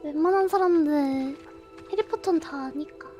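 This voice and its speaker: Very high-pitched, cute anime-style young woman streamer. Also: moderate pace, warm tone, soft background music. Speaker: live streamer signing off. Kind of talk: casual chat to stream viewers.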